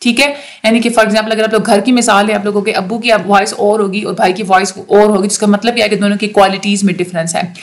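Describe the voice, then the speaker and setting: A woman giving a fast exam-prep lecture, often stopping on fillers and restarting phrases. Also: medium pitch, little pitch movement. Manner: fast talker with many fillers.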